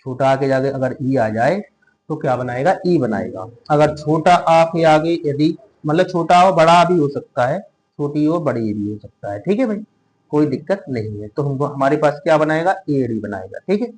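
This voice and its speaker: A man's voice: fairly high pitch, lively intonation, moderate pace, a little mellow, a little hiss or hum, poor audio. A man teaching a class, patient and repetitive, often asking the students questions. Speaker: tutor. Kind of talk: classroom lesson explaining grammar rules.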